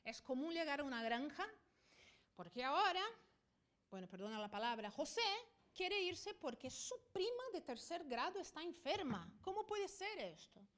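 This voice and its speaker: A Portuguese-speaking Brazilian in middle age, working as a veterinarian and professor, delivers a conference presentation in Spain-acquired Spanish. Her high-pitched, sing-song voice has a fairly bright tone, and she regularly checks in with "ok?".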